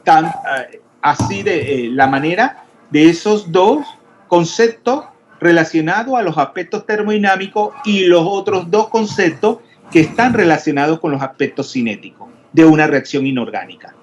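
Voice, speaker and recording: A man's voice: fairly high pitch, lively intonation, moderate pace. Hesitant male chemistry teacher lecturing. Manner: questioning, explanatory, many hesitations. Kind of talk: online class lecture. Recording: dull lo-fi audio with faint noise.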